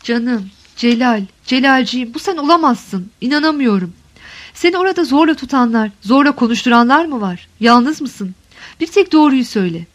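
A woman narrates an audiobook of a literary novel as a middle-aged wife in desperation, her high, tender voice full of longing as she pleads and insists with deep emotion. Expressive and at a moderate pace, the mood is pleading.

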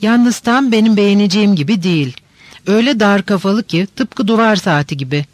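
A man reading the part of a lively, stubborn teenage girl in an audiobook, teasing and insistent. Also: sits high, brisk, no room sound. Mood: eager.

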